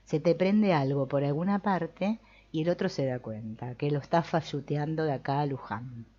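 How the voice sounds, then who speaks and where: A middle-aged woman with a Rioplatense Spanish accent giving an informal spiritual talk, animated and colloquial, acting out quoted voices for humor. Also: sits low, moderate pace. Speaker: spiritual teacher. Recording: dull lo-fi recording.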